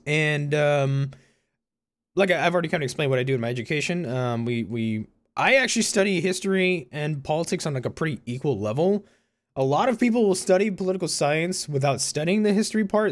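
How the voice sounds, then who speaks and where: Animated and brisk, a young man from Concord, California, with a slightly higher voice and a Californian American accent addresses his viewers in casual personal vlog talk. The YouTuber and university student rambles informally, corrects himself, and uses "you know" and "like" a lot.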